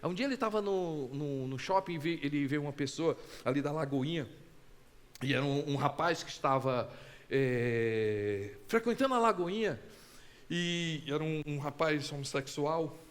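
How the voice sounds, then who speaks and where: A man with a Brazilian Portuguese accent preaching a sermon as pastor, swinging between soft asides and loud, animated exclamations and acting out short dialogues. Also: on the high side, moderate pace, big-room sound. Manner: acts out short quoted dialogues in his own voice.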